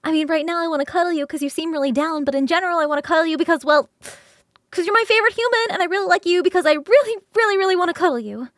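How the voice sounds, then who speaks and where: A streamer voices an affectionate, playful succubus roommate in scripted ASMR roleplay, high and girlish, young-sounding and keen to cuddle. The close recording has no echo, and her expressive, halting coaxing comes across as earnest and flustered.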